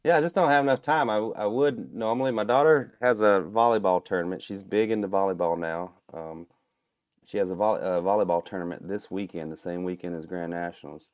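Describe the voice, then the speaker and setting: A man guesting on a podcast, explaining things step by step in a relaxed, casual way over a video call. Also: deep voice, fairly quick, clear, resonant tone, no echo, clean studio sound. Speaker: guest, turkey call maker.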